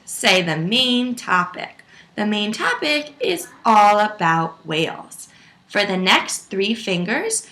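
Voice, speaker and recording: During a read-aloud lesson for young kids, a first-grade teacher speaks at medium pitch with a pushed, bright tone. Her style is instructional and well enunciated, with questions directed at the children listening.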